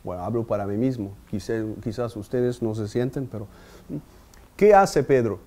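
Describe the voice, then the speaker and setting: A man's voice: medium pitch, moderate pace, warm tone. A man preaching a meditation talk, asking his audience questions and speaking emphatically.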